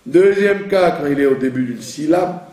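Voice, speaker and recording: A man's voice: fairly high pitch, expressive, moderate pace, a little mellow. A man teaching the reading of Hebrew prayer, patiently explaining and often checking that he has been understood. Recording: echoey room, from a distance.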